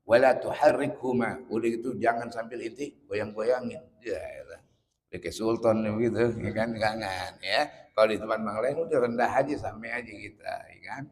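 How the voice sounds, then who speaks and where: A man's voice: fairly low pitch, moderate pace. Male religious teacher in a reverberant hall. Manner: reads Arabic lines, then explains with playful examples. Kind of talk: kitab study lesson.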